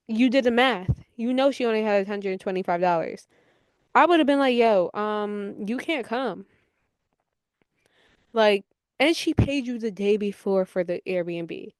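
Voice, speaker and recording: A woman's voice: fairly high pitch, dry recording. A woman hosting her own podcast, giving blunt, profane commentary and scolding people directly. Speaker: podcast host. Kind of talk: casual solo podcast commentary.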